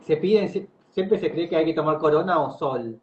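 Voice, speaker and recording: A man hosts a casual live-stream interview, chatty and rambling, often repeating his words. His voice is a little high and moderately paced, and the lo-fi recording has loud music playing behind him.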